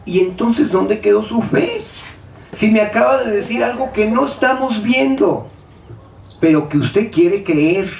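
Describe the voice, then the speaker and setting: A man preaching a sermon in a high, bright register, heard from some way off the microphone. He keeps firing rhetorical questions and acts out the doubts of his listeners. The church hall echoes around him, with a faint room hum behind. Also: expressive, a little slow, gravelly. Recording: echoey hall, speaker far from mic.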